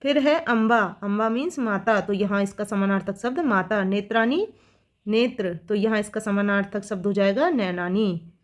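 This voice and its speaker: Patient woman teacher explaining to children. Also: mid-range voice. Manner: reads each line slowly, then explains it. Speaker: school teacher. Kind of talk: solving textbook exercises for children.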